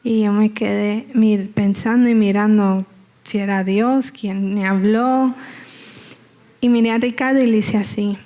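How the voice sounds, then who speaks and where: A woman's voice: medium pitch, steady tone, unhurried, warm tone. A woman telling her personal story as a church testimony, in a conversational way that repeats phrases and checks in with the audience. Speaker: guest speaker giving testimony.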